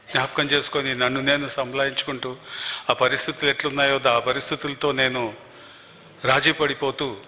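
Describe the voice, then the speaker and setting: A man's voice: mid-range voice, pushed and bright, a little hiss or hum. An older man giving an earnest, emphatic church testimony, repeating his key phrases. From Telangana, India. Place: prayer hall. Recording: long reverb of a prayer hall.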